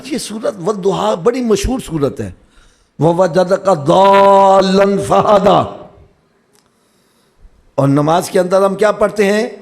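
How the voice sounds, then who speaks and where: A man with a Pakistani Punjabi accent preaching a sermon at a live religious gathering, moving from low explaining to high shouted exhortation.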